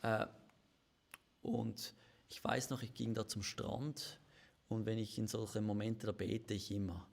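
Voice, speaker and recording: In a church office, a man with a Swiss German accent speaks slowly in a lowish, level, creaky voice, pausing often. He is a pastor co-hosting a live-streamed marriage chat, and his manner is earnest and confessional.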